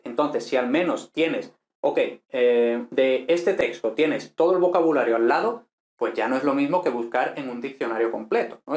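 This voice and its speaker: A man teaching Latin, explaining a text in a relaxed, chatty way with many fillers and questions tacked on at the end. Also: on the high side. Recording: roomy echo.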